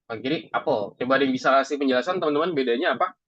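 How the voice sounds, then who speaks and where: Fast-talking man teaching a class. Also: mid-range voice, a bit bright, dry recording, muffled recording. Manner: chatty, asks the class questions, says "teman-teman" often. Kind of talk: classroom lesson.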